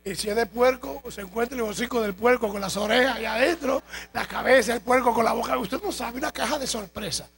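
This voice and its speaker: A man preaching a sermon in a church, telling jokes and stories in a lively way. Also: very high-pitched, fairly quick, gravelly, hardly any pauses, breathy edge, poor audio. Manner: animated, joking storytelling. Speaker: pastor. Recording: faint mains hum.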